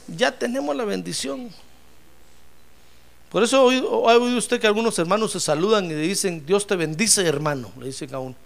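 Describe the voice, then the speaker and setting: A man preaching a sermon, telling comic stories and breaking into loud shouts of praise. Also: high-pitched, expressive, brisk, gravelly. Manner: comic storytelling, bursts into shouting.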